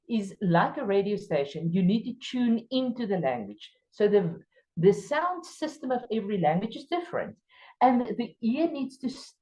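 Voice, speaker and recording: Training teachers in a workshop lecture, a woman from South Africa speaks English as a second language with an Afrikaans accent. Her tone is warm yet emphatic, with abrupt leaps in pitch on important words, and the audio lacks its high frequencies.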